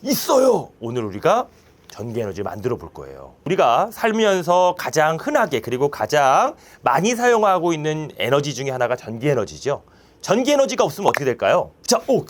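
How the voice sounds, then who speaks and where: Animated man teaching kids science. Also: fairly high pitch. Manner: playful, quizzing pupils with quick questions. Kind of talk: classroom lesson for children. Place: classroom with pupils.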